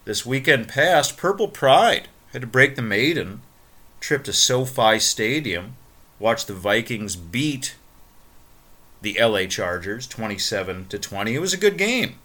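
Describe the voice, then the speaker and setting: A man's voice: mid-range voice, big pitch swings, measured pace, pushed and bright. A man hosting a podcast monologue, talking in a playful, wordy and emphatic way. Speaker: podcast host.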